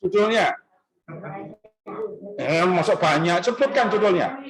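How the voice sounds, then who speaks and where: A man's voice: high-pitched, unhurried, crowd noise, rough recording. A man giving an Easter talk to a church group in a restaurant function room. He keeps it conversational and often asks the audience questions. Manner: animated, rising emphasis on key words. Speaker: speaker at a parish gathering.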